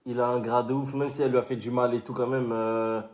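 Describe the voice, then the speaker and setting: A man's voice: mid-range voice, flat delivery, fast talker, noisy background. A man chatting casually and giving slangy, opinionated commentary as he reacts to a reality show. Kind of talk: casual chat.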